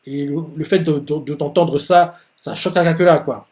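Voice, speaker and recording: A man's voice: fairly high pitch, steady tone, moderate pace, darkish tone. A man casually recapping and explaining manga chapters in a rambling way, with lots of filler words. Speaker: manga reaction host. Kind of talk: casual manga reaction commentary.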